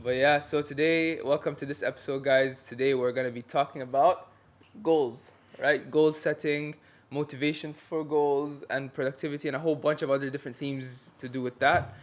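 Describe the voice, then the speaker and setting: Young male co-host, medium pitch, easygoing and rambling, laughs readily. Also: moderate pace, a little hiss or hum. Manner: relaxed, loose, laughs a lot, many fillers. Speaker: podcast co-host. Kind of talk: casual chat.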